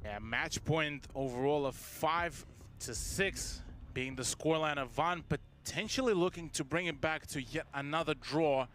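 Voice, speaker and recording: A man commentates on a live esports match with wordy analysis. His voice is somewhat high for a man. A faint layer of noise sits in the background. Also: measured pace, fairly bright tone.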